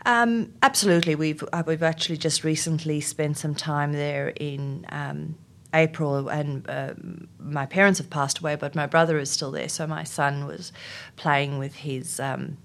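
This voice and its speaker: A middle-aged South African woman whose first language is Afrikaans speaks in a deep, gravelly voice, a little slow and fairly even in intonation. She's an HR executive appearing as an interview guest, giving thoughtful answers full of ums and restarts.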